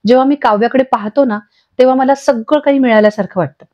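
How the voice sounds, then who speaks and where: A woman's voice: sits high, fast, a little mellow, close to an everyday voice. A woman voicing a playful young husband who teases lightly. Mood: dreamy. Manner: teasing, light. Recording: dull lo-fi audio.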